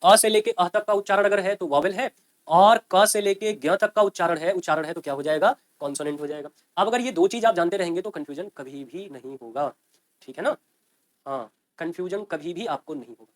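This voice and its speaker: A man with a fairly high voice lectures on grammar to a class. He explains patiently, repeats key points and keeps checking that his students follow. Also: fairly quick. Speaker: teacher.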